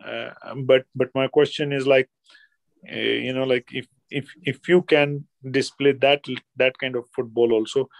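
A man with an Indian accent giving casual football analysis as a guest pundit, halting and repeating himself, often saying "you know". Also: medium pitch, steady tone, creaky, no echo. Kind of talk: casual sports analysis chat.

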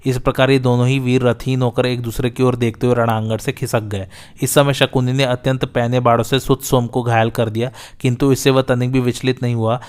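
A male narrator reading an epic battle tale in a steady, measured way. His pitch sits in a middle range and barely moves. The voice is smooth and resonant. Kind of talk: scripted epic storytelling narration.

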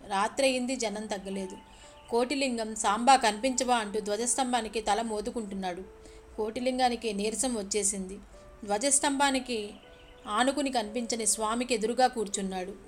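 A woman narrating a story in an expressive, emotional way. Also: on the high side.

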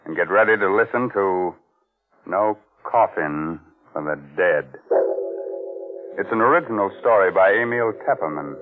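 Very deep, ghoulish vintage radio horror host. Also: male voice, lively intonation, narrow, tinny audio, soft background music. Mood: ominous. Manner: mock-sinister, theatrical, drawn-out delivery. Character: ghoulish, gleefully macabre male horror host. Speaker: host and narrator.

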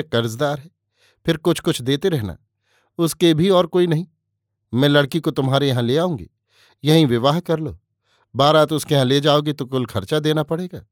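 A man reading aloud, voicing an elderly village woman who is motherly and plaintive, in a softly raised voice. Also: mid-range voice, no room sound, clean studio sound, natural voice.

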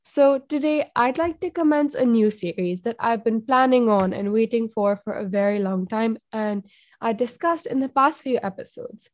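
A young woman with a stuffy, nasal voice, hosting a show in an earnest, measured monologue. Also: on the high side, no room sound. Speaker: host. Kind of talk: scripted podcast monologue.

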